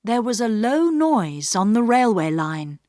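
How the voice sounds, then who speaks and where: A woman narrating a story in slow, clearly paced English for learners. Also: a little high, very animated, mellow, no room sound, clean studio sound. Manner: clear, carefully paced reading.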